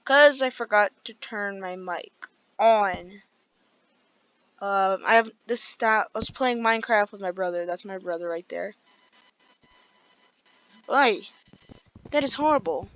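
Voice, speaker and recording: A woman's voice: mid-range voice, a little slow, fairly bright tone, smooth, highs cut off. A woman with a groggy voice, rambling through casual gameplay commentary with lots of fillers. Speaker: gaming video creator.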